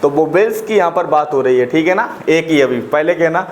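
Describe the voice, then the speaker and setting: A man's voice: fairly high pitch, lively intonation, brisk, slight background noise. Man drilling pronunciation. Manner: asks rhetorical questions and repeats answers. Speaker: English teacher. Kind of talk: step-by-step pronunciation lesson.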